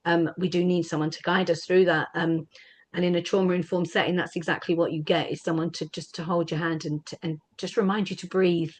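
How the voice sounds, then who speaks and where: A woman's voice: on the low side, little pitch movement, a little fast. A woman speaking earnestly as a parent about her own experience of family court, with emphatic repetition and a plain conversational manner. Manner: earnest, emphatic, repeats phrases. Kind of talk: personal testimony at a panel.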